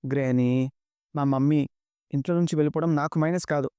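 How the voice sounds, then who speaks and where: A man voicing a cold, calculating young woman who plots against her family, read rapidly and dry. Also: on the high side, fairly even intonation, dark tone, clean tone, dry recording, close to an everyday voice. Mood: scheming. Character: scheming young woman villain, cold and ambitious.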